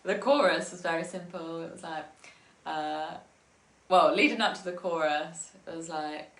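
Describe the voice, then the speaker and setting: A woman's voice: low voice, normal speed. Woman, young adult, English, casual interview guest, laughs a lot, echoey room. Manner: giggly, with many ums and likes.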